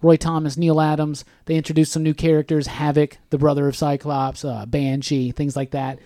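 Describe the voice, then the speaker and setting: A man's voice: on the high side, level tone, moderate pace, mellow, no echo. A man co-hosting a casual podcast chat in a studio, rambling and saying "like" a lot. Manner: rambling, says "like" often. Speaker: podcast co-host. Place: recording studio.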